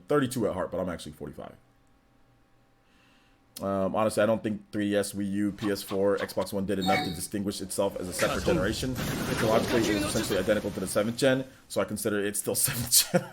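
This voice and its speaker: A man in his forties hosts a relaxed livestream and chats with viewers in a rambling, slangy, joking way. His voice sits on the low side. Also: husky. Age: 40s. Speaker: streamer host. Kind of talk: casual livestream chat reading viewer messages.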